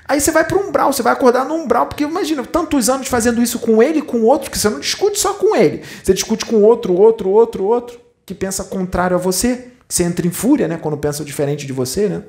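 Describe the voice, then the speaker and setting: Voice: medium pitch, animated, quick pace, hardly any pauses, darkish tone. A spiritist lecturer with a Brazilian Portuguese accent, telling a story in a conversational way and acting out the dialogue in different voices.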